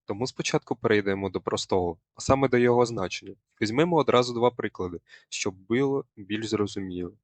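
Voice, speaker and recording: A man's voice: fairly low pitch, fast, few pauses, no echo. A young male student presenting a scripted language lesson, explaining a word and quizzing viewers in a teacherly way. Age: young adult.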